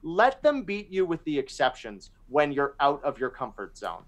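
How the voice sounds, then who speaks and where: A man co-hosting a chess show, reflecting on principles and games in a thoughtful, casual way, his voice softening at the end of phrases. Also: a little high, very animated, moderate pace. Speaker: chess commentator.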